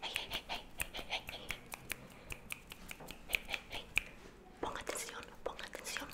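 A woman in her twenties performs fast, aggressive ASMR in a breathy whisper. She speaks in short, punchy bursts, very close to a desktop microphone in a small, quiet room. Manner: rapid repeated trigger words in short punchy bursts. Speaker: ASMR video host. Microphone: close desktop condenser mic with fluffy windscreen.

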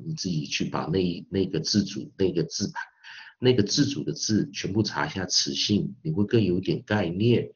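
A male English teacher gives an online phonics lesson. He spells words out slowly and fills his talk with little particles. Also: low voice, dull audio. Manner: repeats spellings slowly, peppers speech with 啊 and 哦.

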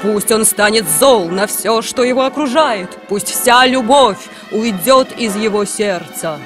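A woman's voice: a little high, unhurried, over music, natural voice. A woman voicing a cold, wicked ice queen who speaks in a commanding, imperious way.

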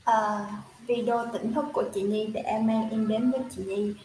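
A woman on a livestream call, speaking eagerly and speeding up as she goes. Her voice is slightly high and comes from a roomy, echoey space with faint noise behind it. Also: steady tone, moderate pace, warm tone. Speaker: volunteer team member. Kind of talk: casual livestream chat.

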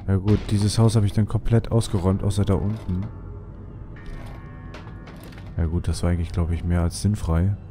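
A man's voice: sits low, level tone, fast talker, music in the background. A young man commenting on a survival game, whispering when he sneaks and yelping when startled. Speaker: let's player. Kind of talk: gaming commentary.

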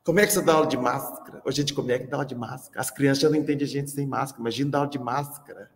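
Brazilian guy doing a comedy bit as a teacher, gravelly voice, echoey hall. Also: mid-range voice, racing. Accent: Brazilian Portuguese. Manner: animated, repeats lines for effect, acts out scenes. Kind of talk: comic stand-up monologue. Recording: echoey hall with long reverb.

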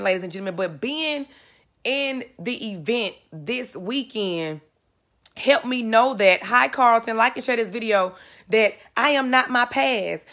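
A woman's voice: a little high, bright, forceful tone. A woman in her thirties giving an earnest, emotional motivational talk to live viewers, close to tears and repeating phrases for emphasis. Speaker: network marketer speaking to live viewers.

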